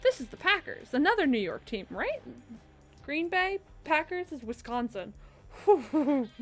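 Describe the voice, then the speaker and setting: A young woman chats live on her stream and hands out blunt, opinionated verdicts with quick laughs and asides. Her voice sits high and swings widely in pitch. Faint music plays under her talk. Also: sing-song. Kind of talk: casual live-stream chat while ranking logos.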